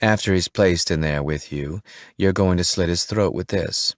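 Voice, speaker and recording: A man's voice: low voice, moderate pace, no echo, clean studio sound, natural voice. A man voicing a tough, scheming woman county sheriff who speaks in a cold, commanding way.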